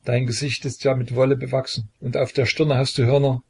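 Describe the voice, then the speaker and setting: A feverish, dying young prince who rails and shouts in a raised, husky, gravelly voice, as a male narrator acts him out. The voice climbs higher and louder than the reader's own in a spoken historical storybook. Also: level tone, brisk. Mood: feverish fury.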